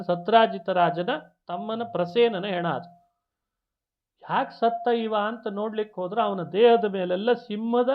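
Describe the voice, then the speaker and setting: A man with a high, bright voice gives a devotional discourse, narrating the tale with lively storytelling. He slows down to chant verses, then explains them. The sound is thin and tinny, like a phone line. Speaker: religious discourse speaker. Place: discourse hall.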